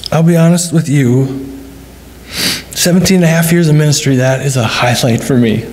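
A man's voice: fairly high pitch, moderate pace, darkish tone. A middle-aged man, a pastor, preaching at a funeral service in a church, telling a story earnestly and voicing the dialogue in shifting tones. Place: church sanctuary.

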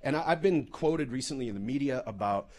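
A man from Canada giving a comedic storytelling talk, animated and full of restarts and repeated words. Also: medium pitch, a little fast. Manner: animated, many restarts and repetitions. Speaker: public speaker.

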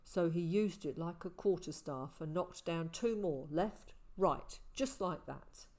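A woman reading the part of a calm older male ranger, speaking quietly and soberly. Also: fairly low pitch, measured pace. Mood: storytelling.

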